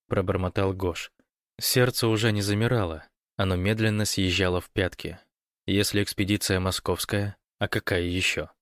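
Low-voiced male audiobook narrator. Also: a bit bright, no room sound, clean studio sound. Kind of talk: scripted narration.

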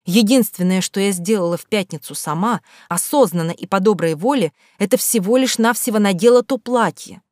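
A woman reading a first-person novel aloud with expressive, measured storytelling. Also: medium pitch, no room sound, clean studio sound. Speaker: audiobook narrator. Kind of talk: first-person audiobook narration.

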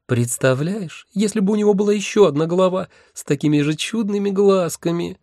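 A man's voice: high voice, fairly quick, a little mellow, no room sound, clean studio sound, pitched above the performer's own voice. A man voicing a lovestruck, giggly two-headed young maiden in a sing-song, gushing manner. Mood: cooing. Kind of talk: audiobook character voice.

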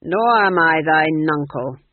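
A man's voice: fairly high pitch, lively intonation, slow, no echo. A man voicing a cold, scheming middle-aged duke, clipped and dryly sarcastic, on tinny audio.

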